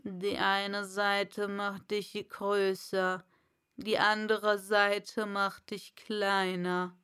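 A woman reading a storybook and voicing a haughty caterpillar that drawls slowly in a low, breathy half-whisper. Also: flat delivery, fairly bright tone. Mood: drawling.

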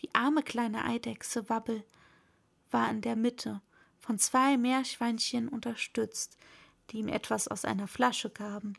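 A woman narrating a storybook in a measured way, sometimes softening to a whisper. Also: fairly high pitch, fairly even intonation, gravelly. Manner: slow, measured, drops to a whisper at times. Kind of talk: storybook reading.

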